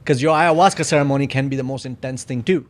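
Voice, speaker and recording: A man's voice: medium pitch, fast talker. A man talking as a podcast guest in casual conversation, reflective and searching for his words with frequent fillers.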